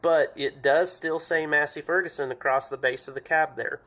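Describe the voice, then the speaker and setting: A man's voice: a little high, steady tone, normal speed, a bit bright. A man giving a casual show-and-tell review of a farm toy, plain-spoken and thinking aloud with frequent ums and self-corrections.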